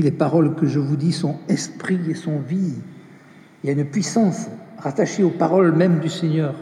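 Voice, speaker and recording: Male preacher with a mellow, measured delivery and an echoey hall sound. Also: mid-range voice, a little hiss or hum. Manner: slow, measured, dropping soft on quoted words. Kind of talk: sermon. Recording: echoey hall with long reverb.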